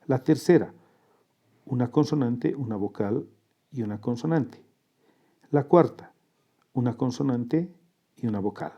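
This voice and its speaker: A man narrating a scripted lesson in a calm, methodical manner, walking step by step through each example. His voice is very dark and mellow, at an ordinary middle pitch. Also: dull audio. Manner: measured, methodical, breaks words into parts. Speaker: teacher.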